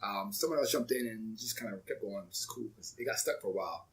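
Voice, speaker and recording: A man in his thirties co-hosting a casual podcast chat, relaxed and thoughtful, pausing often with fillers. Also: on the low side. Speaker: podcast co-host.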